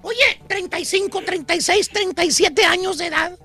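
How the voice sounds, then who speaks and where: High, gravelly-voiced comic radio host. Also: male voice, normal speed, bright, forceful tone, faint music behind. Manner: teasing, mocking the cohost; acts out characters' lines in quoted voices. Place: radio studio.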